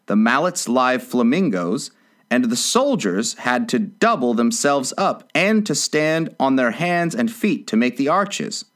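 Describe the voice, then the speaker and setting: A man reading a classic children's story aloud as narrator, in an expressive way. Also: mid-range voice. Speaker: audiobook narrator.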